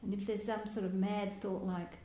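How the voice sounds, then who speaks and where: A woman giving a Buddhist dharma talk as a meditation teacher, speaking gently and reflectively, with soft laughs and small hesitations. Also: medium pitch, level tone, moderate pace. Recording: roomy hall with faint background noise.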